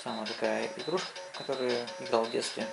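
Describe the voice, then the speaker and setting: A man giving casual gameplay commentary as a console reviewer, thinking aloud haltingly as he plays. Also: mid-range voice, fairly even intonation, vocal fry, rough recording. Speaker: video game console reviewer. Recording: loud game music behind voice. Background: loud video game music.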